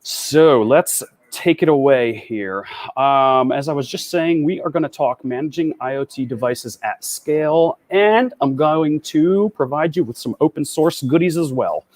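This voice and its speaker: A man giving a fast, upbeat, conversational tech talk as a developer advocate over a video call. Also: fairly high pitch, lively intonation, a little mellow. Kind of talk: tech meetup presentation.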